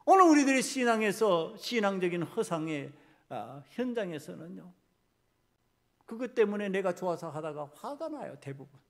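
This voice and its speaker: A man preaching a sermon as pastor. He swings from quiet asides to loud, emphatic passages and acts out the people in the story. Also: high voice, very animated, moderate pace. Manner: preaching with dramatic shifts in volume, acting out biblical characters. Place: church sanctuary.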